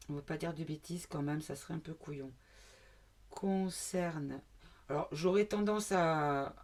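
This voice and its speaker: A woman's voice: deep voice, creaky, darkish tone. A woman from the south of France doing a casual card reading to camera, thinking aloud with many fillers and asides. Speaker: card reader.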